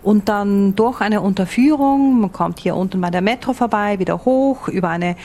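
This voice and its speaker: Speaking with a Swiss accent, this woman from Switzerland is a foreign correspondent giving interview answers full of vivid, descriptive reporting. She rewords things mid-thought, and her mid-range voice has a dark tone and an ordinary pace.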